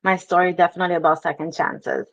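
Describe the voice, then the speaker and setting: A young Brooklyn woman of Dominican descent, with a New York accent touched by Spanish, chats about her life as an interview guest, laughing easily and using many fillers. Her lowish voice is creaky, fast, and flat, with no echo, over dull lo-fi video call audio.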